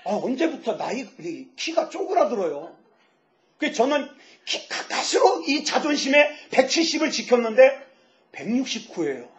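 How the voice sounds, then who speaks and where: A pastor in his fifties preaching a sermon, lively and joking, asking the audience questions. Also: extremely high pitch. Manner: lively, asks the audience questions, jokes about himself. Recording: dull lo-fi sound.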